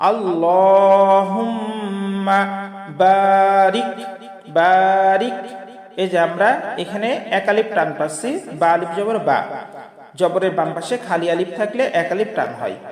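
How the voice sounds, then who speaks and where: A man teaching word-by-word recitation, chanting each phrase slowly between explanations and laughing lightly as he corrects mistakes. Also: high-pitched, echoey room, big-room sound. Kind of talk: word-by-word pronunciation lesson.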